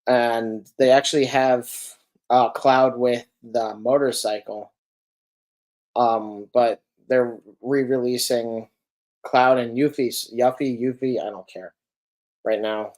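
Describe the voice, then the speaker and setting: A man's voice: mid-range voice, steady tone, takes it slowly, darkish tone. A man co-hosting a podcast, talking casually and rambling with lots of filler words as he looks over figures. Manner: rambling, full of ums and likes, self-correcting. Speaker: podcast co-host reviewing collectible figures. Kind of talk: casual chat.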